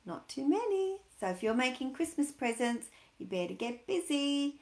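High-pitched, animated and a little mellow, a woman in her sixties reads and chats at a moderate pace with young children, her tone sing-song and full of questions. She's a children's storyteller in a small home room, and the webcam recording sounds roomy and echoey.

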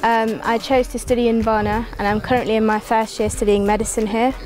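A woman's voice: a little high, level tone, a little fast. A young woman from England, a first-year medical student, speaking earnestly to camera on a seaside cliff with many ums. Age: young adult. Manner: earnest, flowing with frequent ums. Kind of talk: promotional testimonial to camera. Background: soft background music.

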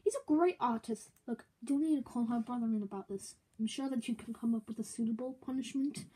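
An actress playing a cheerful, quick-witted teenage girl in a sitcom, with a lively, expressive comedic delivery. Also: on the high side, slightly rough. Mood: calm explaining. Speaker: lead character. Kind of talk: sitcom acting.

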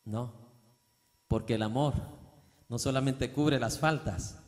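A man's voice: mid-range voice, takes it slowly. Preaching man in a reverberant church. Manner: preaching with rising, shouted emphasis and acted quotes. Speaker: pastor. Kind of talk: sermon.

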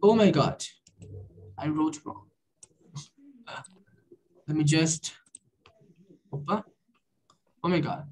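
A woman teaching an English conversation class over a video call, explaining phrases and repeating English examples slowly. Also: sits low, animated, darkish tone, a little hiss or hum.

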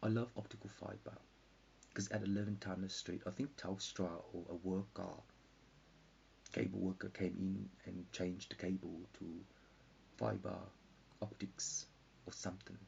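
Tired gravelly man rambling. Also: low voice, level tone, moderate pace, darkish tone. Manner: meandering mock-lecture, dips into whispers. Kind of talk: rambling pseudo-scientific monologue. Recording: dull lo-fi with faint hiss.

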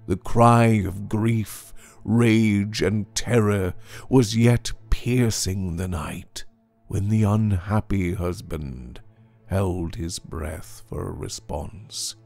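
A man narrating a horror story dramatically and theatrically, dropping at times to hushed whispers. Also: lowish voice, creaky. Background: faint music score.

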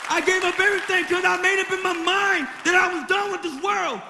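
A man shouts his church testimony in a very high, sharp voice with a gravelly rasp. He pushes hard and repeats phrases in a rising preaching cadence. His voice rings through a long-echoing hall with a faint crowd behind him. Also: steady tone, brisk, noisy background. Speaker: testimony speaker.

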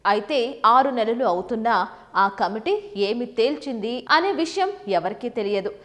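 A woman in her thirties, a news anchor, reading scripted political news in a brisk, dramatic way. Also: fairly high pitch, expressive, fairly bright tone, long reverb tail. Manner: standing presenter, brisk dramatic delivery. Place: virtual news studio set.

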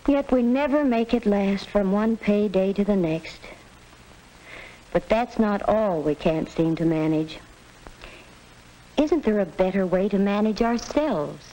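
A woman's voice: medium pitch, unhurried, dark tone, natural voice. A woman playing an earnest, orderly middle-aged American mother in a 1940s educational film. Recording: noisy vintage film soundtrack.

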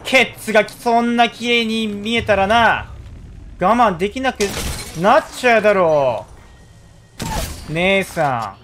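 Excitable high-voiced young man streaming a game. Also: slow pace, pauses often, a little hiss or hum. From South Korea. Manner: excitable, yelps loudly when in danger. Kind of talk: live gameplay commentary.

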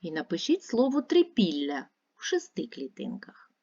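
A woman teacher giving a recorded lesson to young pupils, speaking slowly and repeating words carefully. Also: lowish voice, huge pitch swings, warm tone, dull audio. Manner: slow, careful, repeats words clearly for children. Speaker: primary school teacher.

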